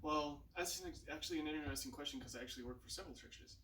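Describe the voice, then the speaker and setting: A young man in his twenties talks earnestly as an interview guest, his voice bright and a little tense. He sits away from the mic in an echoey room, with faint noise behind him. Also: fairly high pitch, very fast, far from the mic. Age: 20s. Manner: earnest, laughs easily, hesitant fillers. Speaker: interview guest, church volunteer. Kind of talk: casual interview chat.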